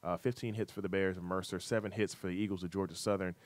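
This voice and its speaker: Guy hosting sports talk radio, lowish voice, lots of uh's reading scores, dry close mic. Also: fairly even intonation, fast, no room sound. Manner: chatty, reads scores with fillers, teasing co-host.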